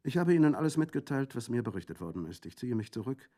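A man's voice: mid-range voice, big pitch swings, fast, dark tone, pitched above the performer's own voice. A man reading aloud and voicing a formal, somewhat condescending government prefect. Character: official French prefect, formal and patronizing. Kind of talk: audiobook reading.

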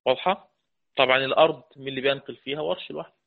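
An Egyptian man gives a recitation lesson in a loose, chatty way, stopping to quiz his students. His voice sits in a middle pitch range. The sound is thin and phone-like, as if from an old line. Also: steady tone, creaky. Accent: Egyptian Arabic. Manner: conversational, asks the class questions, chants verses slowly. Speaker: Quran recitation teacher. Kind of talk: explanatory lecture with chanted verse quotes. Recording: tinny phone-like audio.

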